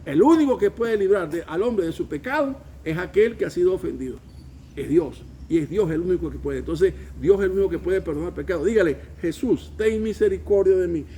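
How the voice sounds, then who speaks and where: A man's voice: high-pitched, expressive, brisk, mellow, a little hiss or hum. A man preaching a sermon as pastor, emphatic, calling the congregation to repeat after him. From Venezuela. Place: church.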